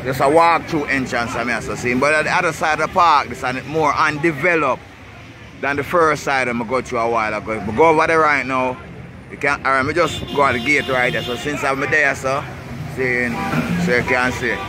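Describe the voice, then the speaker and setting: A man's voice: mid-range voice, a little fast. A man with a Jamaican accent and Rasta speech gives a casual, rambling walking-tour commentary, repeating short tags as he goes. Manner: rambling and repetitive, with tags like 'see', 'you know', 'blessed love'. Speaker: vlogger. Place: outdoors in a city park beside busy streets. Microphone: handheld camera while walking. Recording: noisy outdoor camera audio with traffic ambience.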